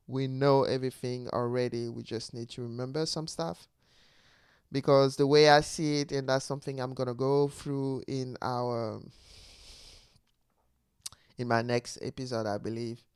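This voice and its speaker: A man's voice: mid-range voice, clean tone, dry recording, studio quality. A man hosting his own show, talking through ideas in a casual, reflective monologue with a foreign accent, often breaking into laughter. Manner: speaks with a non-native accent. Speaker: podcast host.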